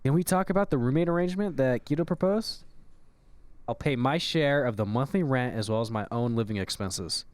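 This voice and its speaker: A man's voice: mid-range voice, brisk, smooth, dry recording, natural voice. A man voicing a polite, earnest android asking to stay as a roommate, reading a game script in fan voice acting. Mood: pleading. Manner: formal, pleading.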